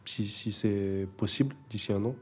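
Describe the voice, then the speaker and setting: A young male rapper chats as an interview guest, his husky, darkish voice lowish in pitch and moving at a moderate pace. He comes across as relaxed and hesitant, with frequent fillers and restarts.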